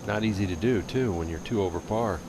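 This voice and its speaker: Live golf analyst, male, low register, clear ambient noise underneath. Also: fairly quick. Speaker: golf commentator.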